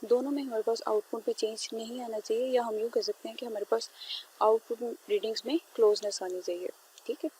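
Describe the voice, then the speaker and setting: A woman with a mellow, somewhat high voice explains a lesson step by step, pausing often on fillers and checking in with her class. Faint noise hums under the recording. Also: steady tone, rough recording. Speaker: teacher. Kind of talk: classroom lecture.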